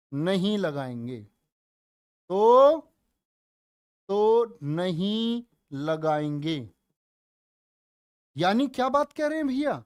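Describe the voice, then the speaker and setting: Male Hindi teacher for a live online exam class: slow and coaxing, dry close-mic sound, quizzes students and answers himself. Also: sits high, dry recording. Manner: coaxing, calls students dear children and brother; asks the class questions and answers them himself.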